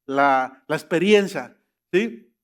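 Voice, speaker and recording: Middle-aged male pastor, high voice, lively sermon that acts out quoted voices. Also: takes it slowly, clear, resonant tone. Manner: animated preaching that acts out quoted voices, rising to emphatic high peaks.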